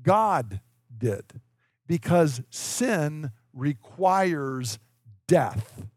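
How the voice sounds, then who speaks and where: A man's voice: fairly high pitch, very animated, darkish tone, breathy edge, no room sound. Earnest male pastor preaching, dry sound. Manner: earnest, slows for emphasis, acts out quoted dialogue. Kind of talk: sermon.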